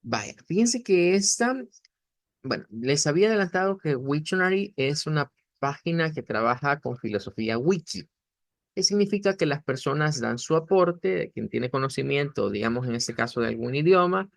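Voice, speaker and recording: A man teaching a beginner language lesson, explaining slowly and patiently, with many fillers and restarts. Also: fairly high pitch, expressive, vocal fry, dry recording, clean studio sound.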